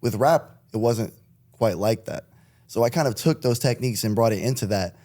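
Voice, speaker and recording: A man's voice: lowish voice, normal speed, dark tone. A young man from Connecticut, a rapper chatting as a podcast guest in a laid-back, rambling way with frequent laughs. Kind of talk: casual chat.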